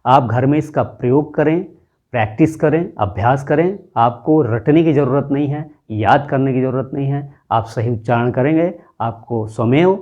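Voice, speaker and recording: A man teaching a pronunciation lesson, demonstrating sounds with drawn-out repetitions. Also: medium pitch, darkish tone. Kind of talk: slow spoken lesson with demonstrations. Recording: dull lo-fi audio.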